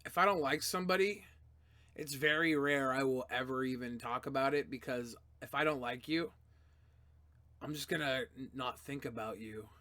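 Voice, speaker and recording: Answering his chat on a laid-back livestream, a young male host swears freely and veers between muttering and sudden loud bursts. He talks at a normal speed in a medium-pitched voice.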